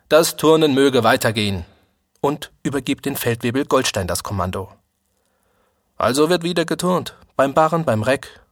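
A man reading a literary story aloud in a calm, measured manner. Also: medium pitch, slightly rough, dry recording, studio quality. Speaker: narrator.

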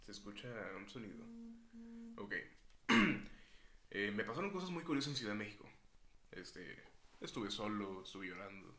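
A man's voice: fairly low pitch, moderate pace, pauses often, sharp tone. A young man co-hosting a podcast, joking in crude banter and often trailing off. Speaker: podcast co-host.

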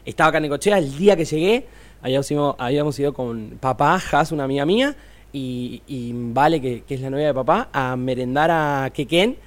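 A man's voice: mid-range voice, brisk. A young man with an Argentine accent, chatting as an interview guest and rambling with many restarts. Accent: Argentine Spanish. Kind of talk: casual interview chat.

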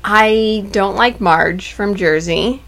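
A woman's voice: mid-range voice, slow, a bit bright. A woman co-hosting a casual reality TV recap, opinionated and chatty, often restarting her sentences. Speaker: podcast co-host.

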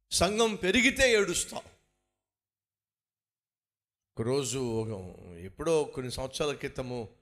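A man preaching a sermon, firing rhetorical questions and acting out the words of biblical figures. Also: mid-range voice. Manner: animated, rhetorical questions, acts out biblical speakers. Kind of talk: Telugu sermon.

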